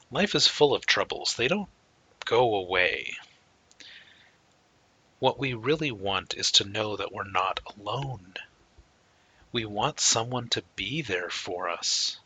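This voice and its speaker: A male pastor preaching a sermon, telling a personal story in a slow, reflective way with pauses. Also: fairly low pitch, sharp tone, slightly rough, dry recording, low-quality recording.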